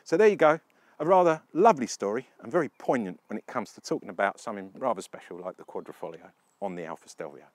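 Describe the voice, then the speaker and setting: A man's voice: on the low side, lively intonation, fast, no room sound. Chatty man reviewing a car. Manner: chatty, storytelling, asks the viewer questions. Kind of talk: casual car review walkaround.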